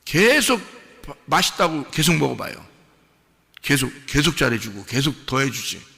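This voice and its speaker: A male pastor preaching a sermon in a church, emphatic, swinging from hushed asides to shouted lines. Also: mid-range voice, sing-song, moderate pace, vocal fry, long reverb tail. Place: church sanctuary.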